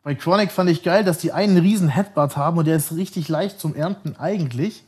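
Man, thirties, slightly high voice, chatty guest who rambles and laughs through his stories. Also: brisk, darkish tone, breathy edge. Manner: rambling, laughs often, self-corrects. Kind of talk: casual storytelling.

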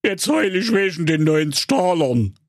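A man's voice: high voice, big pitch swings, no echo, studio quality, voice pushed up. A man voicing a tearful, self-pitying big bad wolf in a comic storybook tale. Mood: whiny. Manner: slow, whining and tearful.

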